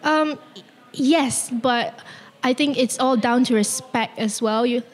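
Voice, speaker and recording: A woman's voice: on the high side, slow, big-room sound. A young woman from Malaysia, a student, answering street questions earnestly and with some hesitation. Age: young adult. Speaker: student interviewee. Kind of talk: casual vox-pop answers.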